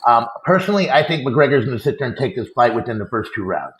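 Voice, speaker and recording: A man's voice: medium pitch, big pitch swings, quick pace, fairly bright tone. A man hosting a show with casual sports talk, recorded in a room. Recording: echoey room sound.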